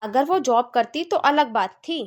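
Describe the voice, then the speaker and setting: A woman's voice: sits high, animated, a little slow. A woman voicing a bossy, complaining middle-aged mother-in-law in a cartoon, nagging and scolding.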